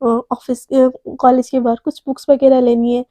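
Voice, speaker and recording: A woman's voice: high-pitched, level tone, moderate pace, warm tone, no room sound, natural voice. A woman voicing a curt, slightly exasperated female college senior. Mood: brusque. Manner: curt, dismissive, a bit exasperated. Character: brisk no-nonsense female class topper.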